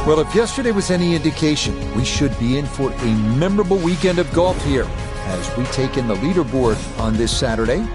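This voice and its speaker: A man's voice: mid-range voice, natural voice. A man giving golf commentary as the play-by-play anchor of a televised-style game broadcast, with a polished announcer delivery.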